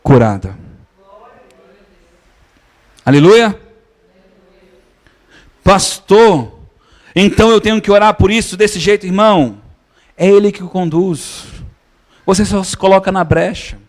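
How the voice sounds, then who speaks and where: A man preaches with a notably high-pitched voice. He tells his story conversationally and keeps calling his listeners brothers, as a pastor in a sermon. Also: unhurried, pauses often.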